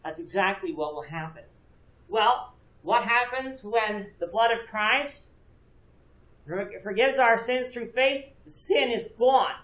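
A man's voice: high-pitched, slow pace, a bit bright. Man, thirties, Bible class teacher, earnest, asks the class questions, roomy echo, distant mic. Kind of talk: church Bible class lecture. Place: church classroom with a projection screen. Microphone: far camera, no visible mic. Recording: echoey room from a distance.

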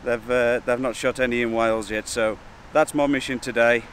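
Man vlogging outdoors beside rushing water. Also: medium pitch, fairly even intonation, fairly bright tone. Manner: informal, hesitant and chatty. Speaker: wildlife photography vlogger. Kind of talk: casual vlog to camera. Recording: outdoor wind, rushing water and traffic noise.

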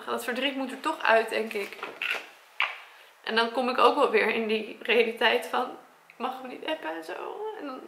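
Young Dutch woman, vlogger, tearful and congested, fry in a slightly high voice, echoey home room. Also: fairly bright tone. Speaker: vlogger and primary school teacher. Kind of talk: personal vlog talk to camera. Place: at her parents' home, indoors. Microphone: camera mic.

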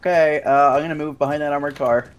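A man's voice: fairly high pitch, steady tone, quick pace, dull audio, noisy background. A young man chatting during a co-op war game, dry and joking, swearing when something startles him, on a headset mic. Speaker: gamer. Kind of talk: co-op gameplay chat.

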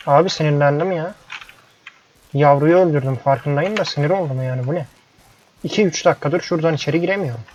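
A young man playing a ranch game, chatting casually and grumbling at the animals as he plays. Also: on the high side. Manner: frustrated, grumbling, talks to the animals. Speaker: gameplay YouTuber. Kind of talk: casual let's-play commentary. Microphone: headset microphone. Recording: dull lo-fi headset mic with faint noise.

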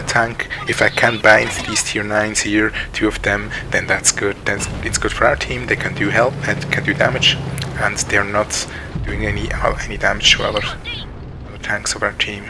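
This gaming channel host from Switzerland has a lowish voice with little pitch movement and a moderate pace. His casual commentary is halting, packed with ums and restarts, and the noisy background is filled with tank game sounds layered over him.

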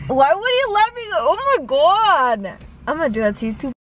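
A woman's voice: high-pitched, sing-song, a little fast, a bit bright, slight background noise, poor audio. A young woman in a casual couple vlog, playfully indignant and bantering, often saying "dude" and "bogus". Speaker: vlogger, girlfriend.

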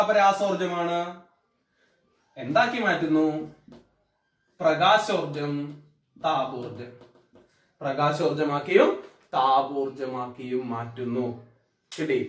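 A man's voice: fairly high pitch, a bit bright, recorded from a distance. Malayalam-accented male teacher in an echoey room. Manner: drills pupils with repeated questions and answers. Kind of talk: classroom-style science lesson. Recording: echoey room, away from the mic.

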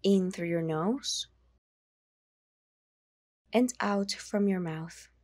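In a soothing, measured manner, a woman narrates a guided meditation, leaving long pauses between instructions. Her voice is medium-pitched and a little mellow, and the recording is dry.

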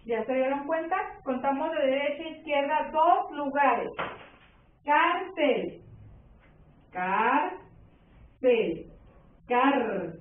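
A woman teacher with a Mexican accent, giving a slow, patient classroom lesson, stretching words and checking that her pupils follow. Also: high-pitched. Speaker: primary school teacher. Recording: roomy, distant, phone-like sound.

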